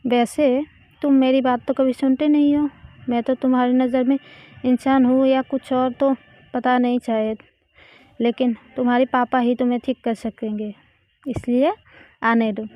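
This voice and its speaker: A woman voicing a stern but loving middle-aged mother who scolds her daughter loudly and sarcastically. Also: high-pitched, level tone, normal speed, pauses often, highs cut off, natural voice. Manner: loud, nagging, sarcastic scolding.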